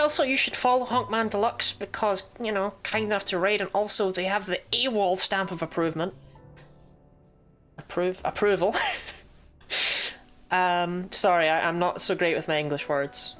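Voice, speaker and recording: A woman with a slightly low voice streams a game over music. She chats casually in a playful way, with deadpan, self-deprecating jokes. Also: moderate pace. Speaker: livestreamer. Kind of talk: casual game livestream chat with playful read-aloud of game dialogue.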